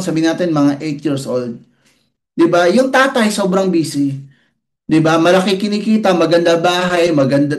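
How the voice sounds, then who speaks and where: Man from the Philippines, middle-aged, motivational forum speaker, chatty, high voice. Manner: chatty, keeps asking "di ba?". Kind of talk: motivational talk with storytelling.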